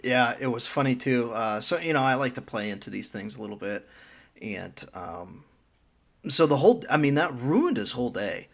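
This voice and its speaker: Gravelly-voiced man telling stories. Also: medium pitch, lively intonation, moderate pace. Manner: storytelling with dry swearing humor. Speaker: podcast co-host. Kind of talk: casual chat.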